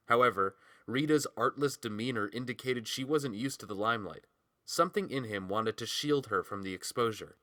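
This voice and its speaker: Male audiobook narrator, low and bright-toned, measured delivery, dry close studio sound. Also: dry recording.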